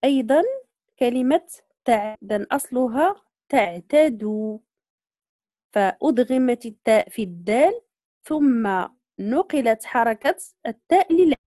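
A woman teaching Quran recitation, patiently explaining readings, slowly modeling words and checking that students follow. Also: a little high, animated, mellow, no echo, clean studio sound. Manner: patient, repeats points and checks understanding. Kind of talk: online tajweed lesson.

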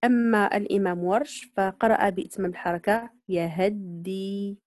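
A woman teaching Quran recitation, patiently explaining readings, slowly modeling words and checking that students follow. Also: fairly high pitch, expressive, dark tone, no echo, clean studio sound. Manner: patient, repeats points and checks understanding. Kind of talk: online tajweed lesson.

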